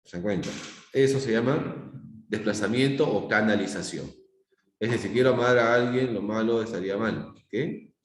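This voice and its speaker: Low-voiced and speaking at a moderate pace, a middle-aged Peruvian psychology teacher lectures live online with a Peruvian Spanish accent. He explains through examples and keeps asking the class "¿se dan cuenta?", his words echoing around the room.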